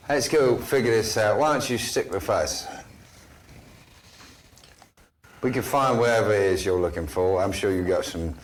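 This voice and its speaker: A man's voice: lowish voice, slight background noise, lightly acted. A man playing a worldly street rogue in a tabletop game, talking casually with "mate" and "lad". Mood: friendly.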